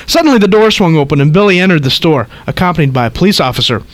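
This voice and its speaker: A man's voice: on the high side, lively intonation, very fast, no room sound. A man co-hosting a late-night radio talk show, reading a story aloud in a dry storytelling delivery.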